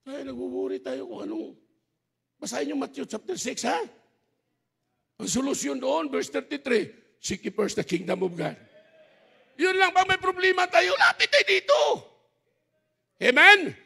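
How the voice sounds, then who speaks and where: A middle-aged man preaching a storytelling sermon at a church graduation service, animated and laughing, shouting for emphasis. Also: extremely high pitch, unhurried, vocal fry, long pauses. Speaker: pastor.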